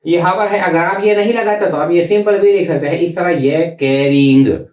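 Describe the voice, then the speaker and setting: A man teaching a shorthand class, speaking slowly and repeating example words syllable by syllable. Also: high-pitched, fairly even intonation, dull audio. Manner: slow and repetitive, drawing out example words syllable by syllable. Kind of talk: classroom lesson explaining while writing. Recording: echoey room.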